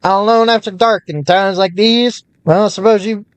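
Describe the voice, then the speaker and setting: A man's voice: sits high, steady tone, normal speed, clean tone, pitched above the performer's own voice, lightly acted. A man voicing a secretive middle-aged male town merchant in an old-fashioned 1930s newscaster manner. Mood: confiding.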